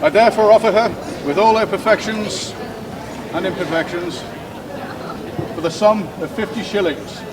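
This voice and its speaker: A man acts out an aggrieved Georgian-era husband making a mock-solemn auction speech in street theatre. His high, projected voice is pompous and declamatory. It sounds distant, over clear crowd and street noise. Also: moderate pace, long pauses, natural voice. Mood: salesmanlike. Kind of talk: theatrical public oration in street performance.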